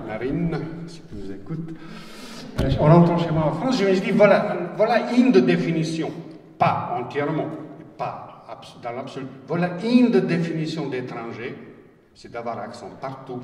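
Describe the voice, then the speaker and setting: A man with a Bosnian accent tells his stories in a halting way, repeats his words, and slips in wry humor. He is picked up from some distance by the mic. His voice rings out in a large hall with a long reverb. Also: on the high side, sing-song, darkish tone. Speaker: writer on a panel. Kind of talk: personal storytelling talk. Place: conference hall. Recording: roomy hall, distant mic, faint noise.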